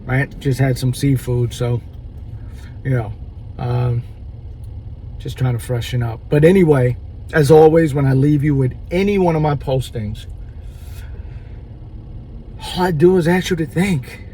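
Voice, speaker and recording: A man vlogging in a casual monologue, chewing gum, talking with drawn-out rhetorical asides. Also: mid-range voice, fairly even intonation, dark tone, slight background noise, rough recording.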